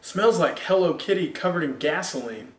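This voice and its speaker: A man's voice: a little high, animated, moderate pace. A young man in a homemade comedy sketch, trading wisecracks in a home kitchen. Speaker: sketch co-star. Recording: echoey kitchen with clicks and noise.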